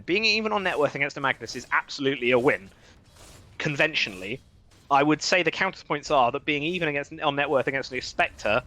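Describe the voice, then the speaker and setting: A man casting a live esports match, chatty and wry with quick reactions. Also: medium pitch, pushed and bright. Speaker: esports caster. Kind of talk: live game commentary.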